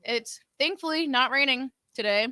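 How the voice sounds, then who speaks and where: Bright, giggly woman chatting on a livestream. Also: sits high, moderate pace, smooth, no room sound. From West Virginia and South Florida. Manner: chatty, giggly, full of "like" fillers. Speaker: co-host of a livestream. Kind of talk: casual livestream chat. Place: indoor room with cameras and lights.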